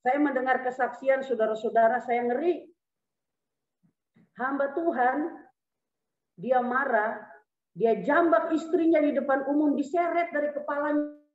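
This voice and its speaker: Woman pastor, lively sermon with jokes and acted asides, higher voice, phone-like thin sound. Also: measured pace, long pauses. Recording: echoey hall, phone-like sound.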